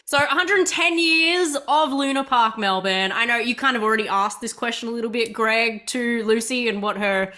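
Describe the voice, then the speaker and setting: A woman's voice: fairly high pitch, fairly even intonation, pushed and bright. A woman interviewing musicians in an upbeat, giggly chat. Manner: giggly, upbeat, quick to laugh. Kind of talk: casual chat.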